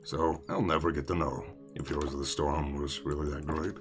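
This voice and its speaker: A man's voice: extremely low pitch, flat delivery, fairly quick, faint music behind. A man streaming a game, chatting casually with his viewers, rambling, swearing freely and mocking himself. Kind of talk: casual live-stream chat while gaming.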